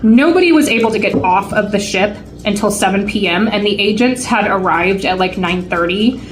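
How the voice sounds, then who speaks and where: A woman in her late forties co-hosts a vlog, chatting casually to camera with lots of fillers and restarts. Her voice is mid-range with lively intonation at normal speed, and the recording is rough.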